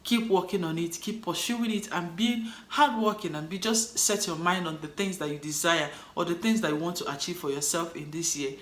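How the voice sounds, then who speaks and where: A woman's voice: lowish voice, fairly quick, few pauses. A woman with a Nigerian accent, chatting to camera as a cleaning vlogger, upbeat and encouraging her viewers. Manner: upbeat and encouraging, motivational sign-off. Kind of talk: casual chat to camera. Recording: echoey room.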